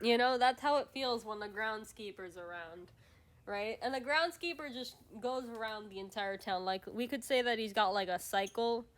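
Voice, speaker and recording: A woman hosts a casual livestream chat, sniffly and stuffed up, rambling with lots of restarts and fillers and laughing often. Her voice is on the high side at a normal speed.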